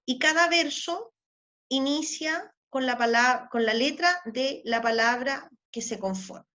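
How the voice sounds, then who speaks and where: A woman teaching a literature lesson, explaining step by step, often checking in with quick tag questions and counting out verses slowly. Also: high voice, bright, forceful tone. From Chile.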